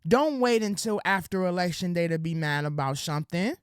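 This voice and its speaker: Expressive and fairly quick, this man's high voice is captured clean and close with no room sound. He delivers a preachy, slang-filled political monologue to camera for ladies and gentlemen, going soft and sweet-talking whenever he acts out quotes.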